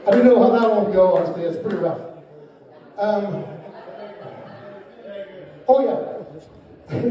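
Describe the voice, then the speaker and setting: A man's voice: high-pitched, slow pace, pauses often, mellow, some chatter behind. A middle-aged man doing rambling amateur stand-up storytelling at an open mic, hesitant and unrehearsed, often losing his thread. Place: echoey indoor open-mic venue. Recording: very echoey room, distant microphone, muffled.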